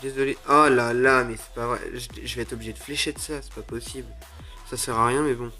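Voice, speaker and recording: Young male gamer, mid-pitched, narrates his matches with loud groans and cheers, quiet music bed. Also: a little fast. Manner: excitable, groans and exclaims at each play. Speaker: gaming YouTuber. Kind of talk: live mobile game commentary. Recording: faint music under the voice.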